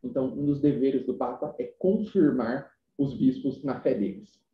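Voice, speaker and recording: A man gives a conversational Bible lesson, often adding tag questions and slowing down to read scripture aloud. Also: mid-range voice, echoey room, phone-quality sound. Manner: conversational, frequent "né?" tags, reads scripture slowly. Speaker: teacher.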